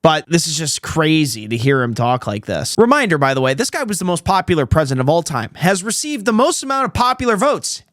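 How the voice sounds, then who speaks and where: A man's voice: fairly high pitch, big pitch swings, fairly quick, hardly any pauses, fairly bright tone, no echo, clean studio sound. A man hosting a podcast, reacting to old tapes with incredulous, chuckling commentary. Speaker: podcast host.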